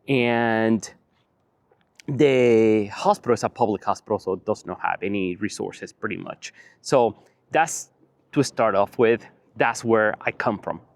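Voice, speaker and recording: A man's voice: lowish voice, measured pace. Earnest man in his forties. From Venezuela. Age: 40s. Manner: earnest, repeating phrases for emphasis. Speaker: vlogger. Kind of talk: motivational talk to camera. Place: outdoors on a windy evening.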